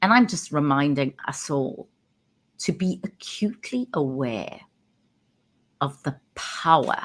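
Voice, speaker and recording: A woman who works as a communication coach, talking straight into her camera and stressing key words with pauses. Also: low voice. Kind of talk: direct-to-camera talk. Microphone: webcam.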